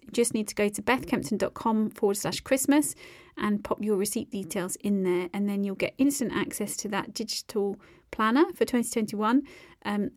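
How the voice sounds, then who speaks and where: Woman, podcast host, chatty, frequent ums, mid pitch, dry close recording. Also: darkish tone, no echo. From United Kingdom. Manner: friendly, chatty, with frequent um and uh fillers. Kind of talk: casual podcast talk with recipe instructions.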